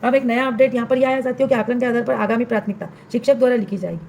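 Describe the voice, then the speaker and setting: A woman's voice: a little high, steady tone, very fast, gravelly, darkish tone, echoey room, a little hiss or hum. A woman primary school teacher explaining step by step how to fill in a student assessment workbook for fellow teachers. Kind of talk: instructional walkthrough for teachers.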